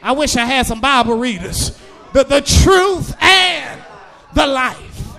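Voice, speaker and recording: A man preaches in a strikingly high, gravelly voice that sounds forceful and tense, with lively intonation. His slow, drawn-out sermon cadence moves between shouting and half-singing, hammering each point through repetition, while a crowd is faintly audible.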